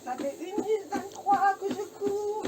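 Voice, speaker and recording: A high-voiced woman talks slowly and breathlessly as she exercises at home, stopping often for fillers. She sits far from the mic, and the room noise is clearly heard around her. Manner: chatty, filmed mid-exercise, filler-heavy. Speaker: fitness vlogger. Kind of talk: casual home workout vlog.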